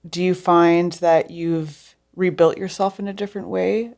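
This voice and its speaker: Low-voiced woman host, gentle questions, short yeahs and mm-hmms. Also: steady tone, measured pace, creaky. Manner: gentle, brief affirmations and questions. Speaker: interviewer. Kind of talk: interview questions and listening.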